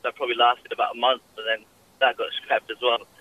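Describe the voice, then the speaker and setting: A man's voice: mid-range voice, flat delivery, fast, bright, forceful tone, muffled recording, a little hiss or hum. A young Welsh man chatting casually in a radio interview, full of fillers and restarts. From Wales. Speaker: jockey guest.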